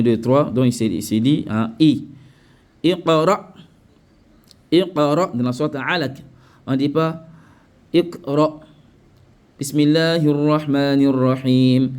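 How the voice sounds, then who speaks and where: A man teaching Quran recitation rules in French, repeating each word slowly and often checking that students follow. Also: medium pitch, darkish tone. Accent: West African French. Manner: repetitive, drills pronunciations slowly, often checks understanding. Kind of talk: tajweed lesson.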